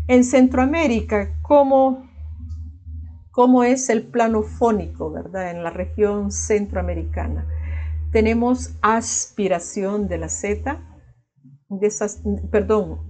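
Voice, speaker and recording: A woman from El Salvador speaks with a Salvadoran Spanish accent as she teaches a recorded online class. Her voice is mellow and warm, with ordinary pitch for a woman. She explains patiently, checking in with tag questions and filling pauses with "eh". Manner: explanatory, frequent "¿verdad?" tag questions and "eh" fillers.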